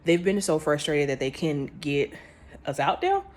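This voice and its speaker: This woman has a deep, slightly mellow voice at a normal speed. Addressing her audience directly as a vlogger, she offers casual, emphatic commentary, restarting phrases and letting grammar slip.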